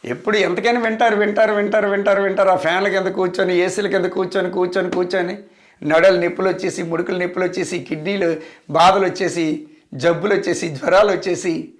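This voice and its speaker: A pastor preaching with a fairly high voice. He drives each point home by repeating it and asking question after question. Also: steady tone, fast talker. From India. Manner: emphatic, repetitive preaching with rhetorical questions. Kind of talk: sermon.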